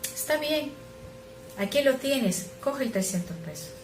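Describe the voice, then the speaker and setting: A woman's voice: high voice, lively intonation, measured pace, slight background noise, voice pushed up. A woman voicing a tired working father. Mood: gentle. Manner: gruff, then soft and remorseful. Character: tired, hard-working father, gruff then gentle. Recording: roomy echo.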